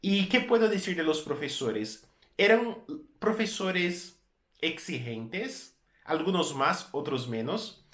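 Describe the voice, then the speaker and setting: A Brazilian man in his thirties, a native Portuguese speaker with a Brazilian accent, tells a story to the camera in a relaxed travel-vlog style. He often repeats and corrects words mid-sentence. His voice sits on the high side, he speaks slowly, and the sound is reverberant.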